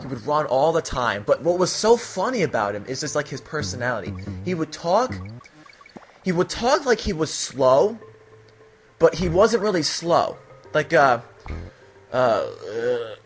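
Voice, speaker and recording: Young man, rambling let's-play talk, lively pitch, faint game music. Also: unhurried. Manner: rambling, laughing storytelling. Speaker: gamer. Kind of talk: casual commentary while playing a video game.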